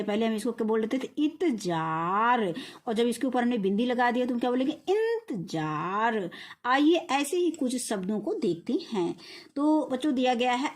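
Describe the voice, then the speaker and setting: A woman teacher giving a recorded reading lesson for young children, sounding out words syllable by syllable and answering her own questions. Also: fairly high pitch. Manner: slow syllable-by-syllable spelling out words; asks questions and answers them herself. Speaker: primary school teacher.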